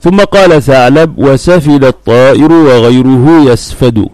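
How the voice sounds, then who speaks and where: Male sheikh, lesson reader; measured, unhurried, repeats key words; mid-pitched, dry. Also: darkish tone, no room sound. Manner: deliberate, repeats words slowly for emphasis. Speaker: sheikh teaching a text. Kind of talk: recorded lesson explaining a classical text.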